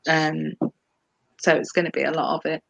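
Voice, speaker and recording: Gravelly woman co-hosting. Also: low-pitched, little pitch movement, normal speed. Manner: rambling, hesitant with many ums. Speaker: co-host. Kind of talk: casual livestream discussion. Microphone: video call.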